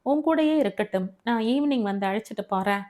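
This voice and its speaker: A woman's voice: fairly high pitch, lively intonation, fairly quick, a little mellow, natural voice. A woman voicing a stern young father who speaks curtly and reproachfully to his estranged wife. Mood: brisk. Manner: curt and reproachful.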